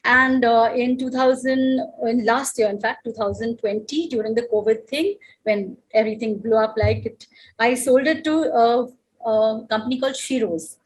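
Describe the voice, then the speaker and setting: A middle-aged woman from India speaks on a video call, in a husky voice pitched a little high. She chats freely, with plenty of fillers and restarts. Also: moderate pace, poor audio. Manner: chatty, with many fillers and restarts. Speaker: guest speaker.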